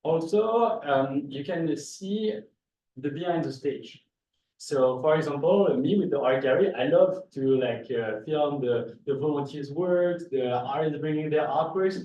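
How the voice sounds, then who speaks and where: A man's voice: on the high side, measured pace, mellow, muffled recording. Man with a strong French accent. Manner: hesitant, many fillers. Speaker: art gallery founder. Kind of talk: panel discussion answer. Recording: echoey room, distant mic, faint noise.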